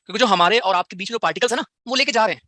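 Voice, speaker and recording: A man's voice: high voice, very fast, pushed and bright, dry recording, clean studio sound. A young man teaching physics in a live online class, playful and teasing as he banters with his students.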